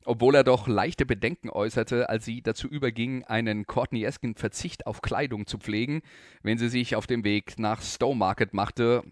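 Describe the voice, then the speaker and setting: A man hosting a radio music show, telling a music story between songs in calm, scripted narration. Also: medium pitch, dry recording, clean studio sound.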